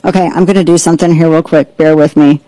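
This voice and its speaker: A woman hosting an opinionated political commentary show, sarcastic and mocking, with quick asides. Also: low-pitched, fairly even intonation, dark tone, dry recording, low-quality recording. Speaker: host.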